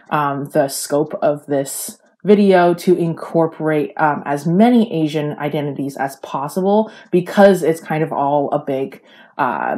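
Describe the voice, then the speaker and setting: Low-voiced rambling woman. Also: darkish tone. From China, raised in Canada. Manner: rambling, stumbles with fillers. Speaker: video essay creator. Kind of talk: unscripted video essay.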